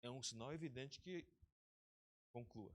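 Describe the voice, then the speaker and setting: A man preaching a sermon as pastor of an online church service, lively and talking directly to his congregation by name. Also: mid-range voice, measured pace. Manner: lively, talks straight to the congregation, calls people by name.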